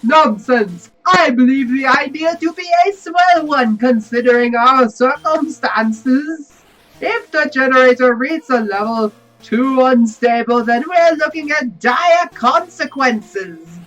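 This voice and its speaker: A woman's voice: high voice, takes it slowly, a bit bright, voice pushed up, rough recording. A woman voicing a pompous, emphatic power plant chief in a video game.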